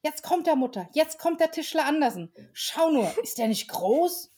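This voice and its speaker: A woman voicing a group of small forest gnome children who are excited and pleading, as she reads a storybook aloud. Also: high voice, moderate pace, pitched above the performer's own voice.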